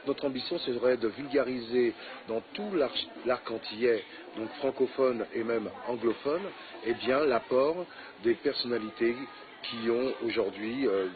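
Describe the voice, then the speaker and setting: A man's voice: medium pitch, a little slow. A man giving a formal, earnest interview statement for his association. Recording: phone-like audio with crowd behind.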